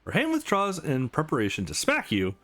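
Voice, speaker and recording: With music in the background, a man hosting a let's play reads a visual novel aloud, giving its narration and dialogue expressive delivery and fixing the odd slip. His voice runs high and fairly bright, a little fast, with wildly swooping pitch.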